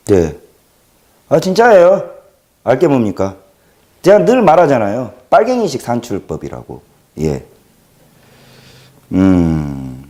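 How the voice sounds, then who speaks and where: A man in his thirties with a Jeolla accent, chatting alone on a livestream. His pitch jumps around constantly as he jokes and rambles, and his voice stays mellow and dark in tone, dropping to near mutters between louder bursts. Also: takes it slowly, long pauses. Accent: Jeolla Korean. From Jeolla region, South Korea. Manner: animated, joking, swings between loud and quiet. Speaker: livestream host. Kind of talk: casual livestream monologue.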